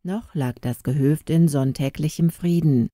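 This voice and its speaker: A woman narrates a fairy-tale audiobook in a slow, measured way. Her tone is dark and mellow, and the recording is close and dry, with no room sound. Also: deep voice, no echo.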